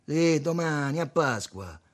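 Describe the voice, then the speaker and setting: A man's voice: on the high side, animated, takes it slowly, pitched above the performer's own voice. A man voicing a mocking, lazy man from the Roman slums, with a Roman accent and a teasing drawl.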